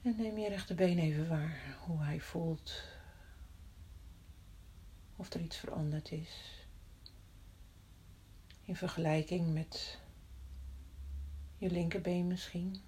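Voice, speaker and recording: A woman guides a body-scan meditation in a soft voice that often drops to a whisper. She talks very slowly and calmly, leaving long pauses. Her tone is low and mellow. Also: poor audio. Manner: slow, calm, with long pauses.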